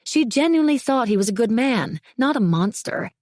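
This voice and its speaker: Woman playing a gentle, poised, hesitant woman. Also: on the high side, moderate pace, no echo, clean studio sound, pitched above the performer's own voice, lightly acted. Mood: calm. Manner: calm, hesitant, patient.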